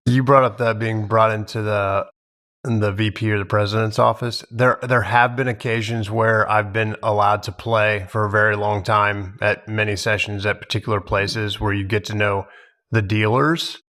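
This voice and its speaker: A man's voice: lowish voice, level tone, moderate pace, bright, forceful tone. A man on a casual roundtable, speaking bluntly and giving strong opinions. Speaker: podcast panelist and advantage player.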